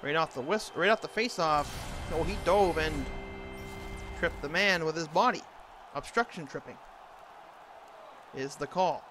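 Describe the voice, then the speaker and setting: A man's voice: a little high, a little slow, pauses often. A man doing an amateur announcer impression, giving hockey play-by-play commentary in short clipped phrases. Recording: clearly noisy, ambient background noise.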